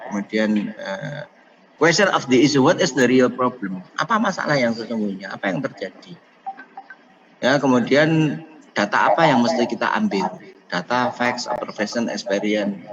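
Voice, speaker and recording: A man giving a casual online lecture, animated and acting out what parents say, slipping in phrases. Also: mid-range voice, highs cut off, background noise. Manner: animated, mixes Javanese phrases, acts out parents. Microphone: video call.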